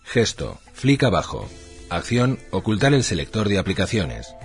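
A man's voice: on the low side, very animated, moderate pace, vocal fry, faint music behind. A man reading a scripted instructional manual in a formal way, item by item in short labelled phrases.

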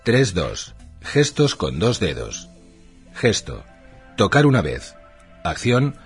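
A man's voice: fairly low pitch, wildly swooping pitch, takes it slowly, gravelly, slightly rough, soft background music. A man reading a scripted instructional manual in a formal way, item by item in short labelled phrases.

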